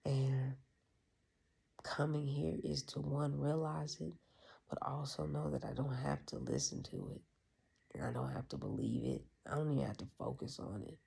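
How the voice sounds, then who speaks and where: A vlogger giving a candid, profane personal recap in a hushed, often half-whispered voice, reflective and frank. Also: mid-range voice, steady tone, normal speed, gravelly, husky.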